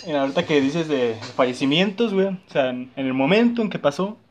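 A man's voice: on the high side, expressive, quick pace, very noisy. A young man with a Mexican accent telling a personal story in casual, slangy chat, full of fillers.

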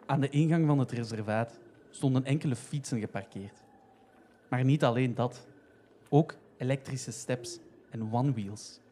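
A man narrating a comic story in a steady, even way. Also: mid-range voice, unhurried, a little hiss or hum.

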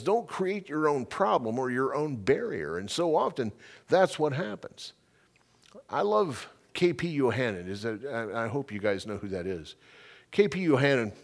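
A middle-aged pastor preaching a sermon in an emphatic, conversational way. His pitch rises and falls with lively swings. He often doubles back to repeat a line for weight. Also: normal speed.

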